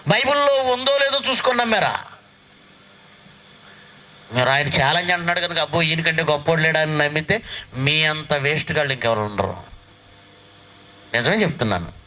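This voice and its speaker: A man preaching a sermon in a church. He scolds the congregation with rapid rhetorical questions and reads scripture slowly and deliberately. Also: high-pitched, bright, forceful tone, poor audio.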